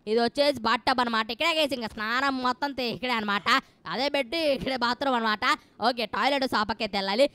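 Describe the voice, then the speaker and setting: Woman streamer, high bright voice, rapid playful gameplay commentary, dry close sound. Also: smooth, no room sound. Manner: excitable, playful, talks straight to viewers.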